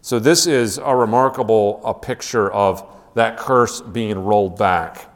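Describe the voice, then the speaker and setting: A man's voice: on the low side, measured pace, long reverb tail. A male teacher giving an enthusiastic classroom lecture, with frequent restarts and asides. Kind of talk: classroom lecture with read-aloud passages.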